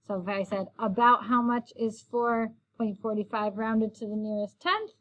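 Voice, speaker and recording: A woman's voice: fairly high pitch, moderate pace, fairly bright tone, highs cut off. A woman teacher walking through a recorded math lesson, explaining each step in a friendly, patient way.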